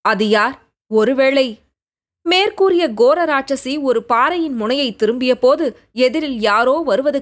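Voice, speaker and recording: A woman narrating a novel as an audiobook, in a measured, dramatic style. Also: sits high.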